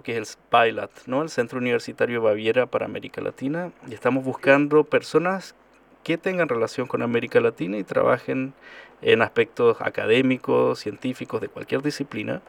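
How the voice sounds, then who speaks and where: A man hosting a radio interview in a relaxed, chatty way. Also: mid-range voice, vocal fry. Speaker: radio host. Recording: voice a bit far from the mic.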